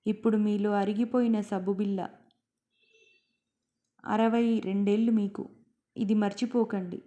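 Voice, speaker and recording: A woman voicing a sharp-tongued, anxious middle-aged wife who nags and mocks her husband in a storybook reading. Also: mid-range voice, fairly even intonation, a little slow, lo-fi sound, lightly acted. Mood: angry scolding. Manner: sarcastic, nagging.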